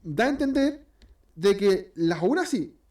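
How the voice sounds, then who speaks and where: A man's voice: high-pitched, very animated, measured pace, darkish tone, far from the mic. A man with a Chilean accent preaching an informal sermon in a church, rambling and hesitant with many restarts, and joking as he acts out little scenes. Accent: Chilean Spanish.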